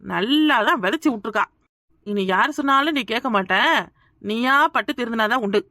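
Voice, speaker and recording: A woman's voice: a little high, fairly quick, pushed and bright, dry recording, studio quality. A woman voicing a blunt, sarcastic village woman who scolds in a cartoon. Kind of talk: cartoon voice acting.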